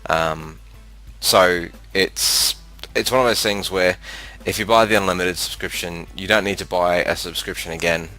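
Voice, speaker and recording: An Australian man with a very low but forceful, bright voice talks casually over a screen capture. His delivery is halting and rambling. The sound comes from a cheap, ordinary headset microphone with a slightly crackly quality. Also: steady tone, faint music behind. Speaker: video game presenter. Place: room with a fan running.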